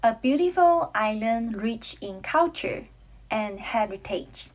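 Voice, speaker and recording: A woman from Taiwan with a Taiwanese accent, giving a language lesson in a deliberate, instructional way, phrase by phrase. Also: lively intonation. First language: Taiwanese Mandarin and Taiwanese dialect. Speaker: language teacher. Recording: clearly noisy recording with low rumble.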